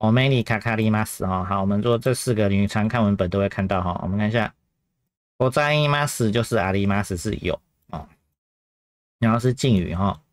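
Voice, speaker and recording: A man's voice: fairly low pitch, fairly quick, dry recording, clean studio sound. A man teaching Japanese grammar in a chatty way, repeating phrases and tagging them with filler particles. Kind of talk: grammar lesson explanation.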